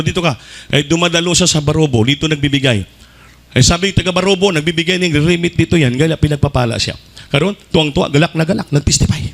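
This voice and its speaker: High, bright-voiced preacher. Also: male voice. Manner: fervent preaching, swinging between shouted peaks and low asides; mixes English phrases into his preaching. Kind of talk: sermon.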